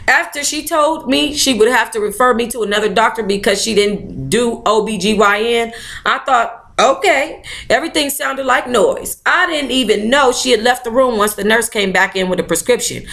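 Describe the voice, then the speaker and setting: A woman running a book club reads aloud expressively in a slightly high, sharp voice. She breaks in with sassy, informal ad-libs of her own, giving the reading a playful commentary.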